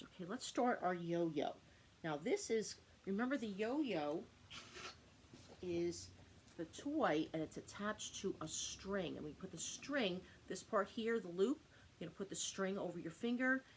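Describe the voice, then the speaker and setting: A woman's voice: on the low side, a little hiss or hum. A middle-aged woman leading a young children's lesson like a kids show host, asking simple questions and answering them herself. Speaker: preschool teacher. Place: living room at home.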